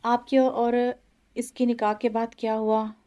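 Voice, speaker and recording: A woman's voice: on the high side, flat delivery, a little slow, dark tone, pitched above the performer's own voice, close to an everyday voice. Woman voicing a tearful, insistent young wife. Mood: pleading. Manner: pleading, insistent.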